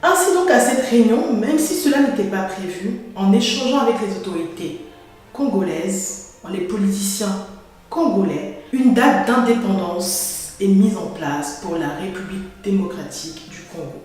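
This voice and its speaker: A woman explaining history to her viewers in a clear storytelling manner. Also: medium pitch, lively intonation, moderate pace, darkish tone. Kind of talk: educational narration to camera. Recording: echoey room with faint music.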